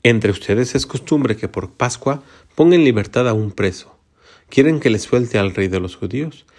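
A man's voice: medium pitch, expressive, moderate pace, a little mellow. Pilate, a man reading as a stern Roman governor.

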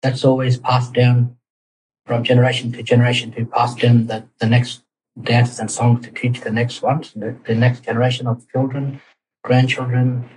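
A middle-aged man, a cultural guide answering interview questions in a halting way, with many pauses and restarts. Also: mid-range voice, little pitch movement, darkish tone, a little hiss or hum, poor audio. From Australia, Torres Strait Islands.

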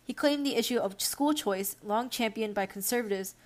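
A woman's voice: fairly high pitch, normal speed. A young woman hosting a podcast, reading news articles aloud and breaking off into unscripted remarks with fillers. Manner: unscripted asides with fillers between read passages. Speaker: podcast host.

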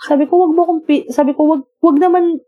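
A woman telling friends about a breakup in a casual chat, animated, quoting both sides and laughing often. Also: high voice, brisk, phone-quality sound. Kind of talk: casual storytelling among friends.

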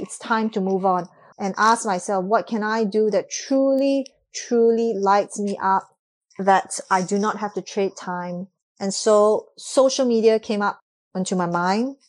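A woman's voice: mid-range voice, darkish tone. A woman in her thirties from Malaysia, hosting her own podcast in an earnest, upbeat monologue that often strings thoughts together with "and so.". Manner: earnest, upbeat, with frequent "and so" and restarts. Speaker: podcast host.

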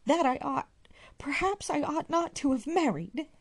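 A woman's voice: high voice, expressive, measured pace, pitched above the performer's own voice. A woman voicing a proud, touchy young married woman who speaks defensively and with emotion. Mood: tearful.

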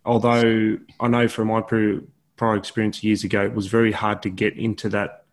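A man hosting a conversational podcast interview, speaking earnestly in wordy, hesitant phrasing. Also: mid-range voice. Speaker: podcast host interviewing a guest.

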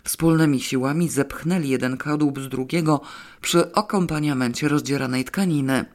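A woman narrating a first-person novel as an audiobook, wry and expressive. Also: very deep voice, normal speed.

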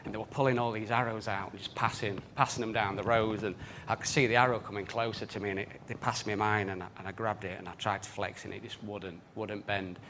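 Guy telling a story, kinda low voice, earnest, bit of faint room hum. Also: fairly even intonation, fast talker, few pauses, a bit bright. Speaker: speaker. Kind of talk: personal story talk.

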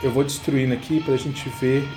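A man's voice: medium pitch, fairly even intonation, normal speed, noisy background. A young man commenting on a game for his viewers while soothing his baby daughter, slipping into cooing baby talk between remarks. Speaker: gaming video creator.

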